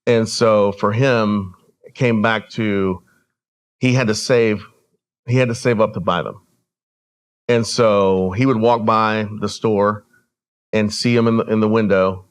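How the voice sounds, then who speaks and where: A man born in El Salvador, a podcast guest telling his family's story in an earnest, measured way. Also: on the low side, fairly even intonation, clear, resonant tone. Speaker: guest, regional director. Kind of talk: storytelling interview.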